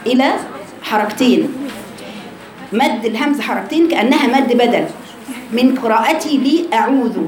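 A woman with an Egyptian accent teaching Quran recitation to a class of women, correcting mistakes and drilling sounds with repeated drawn-out syllables. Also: on the high side. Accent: Egyptian Arabic. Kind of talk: tajweed lesson to a class. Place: room with a group of women students. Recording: echoey room with crowd chatter.

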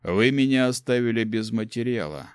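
A man playing a cold, scornful ancient dark mage who speaks slowly and mockingly in an audiobook. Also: mid-range voice, animated, smooth, no echo, studio quality, natural voice. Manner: slow, mocking, detached. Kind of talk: audiobook character voice.

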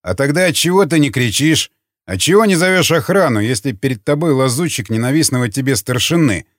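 A man's voice: mid-range voice, very animated, moderate pace, dry recording, clean studio sound. A man voicing a sly one-eyed male interrogator who mocks and barks his questions. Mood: mocking. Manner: mocking, barking.

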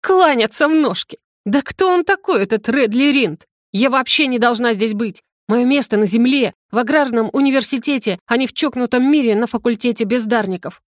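Young student heroine, flustered and defiant, lifted high voice, dry close sound; a woman reader puts her on. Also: expressive, a little fast, no echo. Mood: indignant. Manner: high, exclaiming, argumentative. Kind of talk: audiobook character voice.

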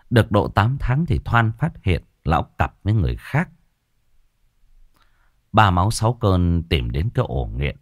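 A man narrating a ghost story in a dramatic, expressive storytelling manner. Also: deep voice, dry recording, clean studio sound.

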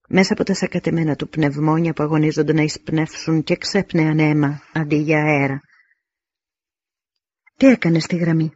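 A man reading a novel aloud in a measured, solemn first-person narration, on a dull lo-fi recording. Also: on the high side, darkish tone, husky, no room sound. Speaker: audiobook narrator. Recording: dull lo-fi audio.

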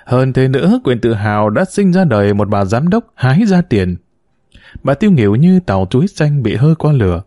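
A man reads a novel aloud in a steady, measured way. His voice is warm and mellow, at a middle pitch. The recording is dry and close, with no room sound. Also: no echo. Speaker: narrator. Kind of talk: audiobook narration of a novel.

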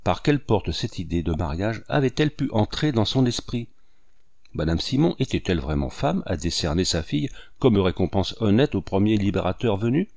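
A man narrating a classic novel as an audiobook in a measured, expressive reading. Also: lowish voice, vocal fry, dry recording, studio quality. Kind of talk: scripted literary narration.

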